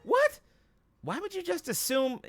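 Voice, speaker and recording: A man's voice: very high voice, wildly swooping pitch, unhurried, a bit bright, dry recording, pitched above the performer's own voice, heavily acted. A man voicing a young, nervous superhero who rambles and wisecracks at his own expense in a comic reading. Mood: startled, pleading. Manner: rambling, self-deprecating.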